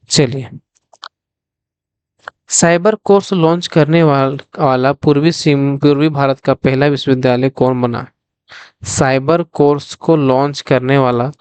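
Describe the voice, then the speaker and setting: Male tutor, mid-pitched, smooth, clear voice, close and dry. Runs a question-and-answer revision lesson and repeats every question. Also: a little mellow, no echo. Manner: asks the viewers directly, then answers himself. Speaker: exam coaching teacher. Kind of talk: quiz-style revision lesson.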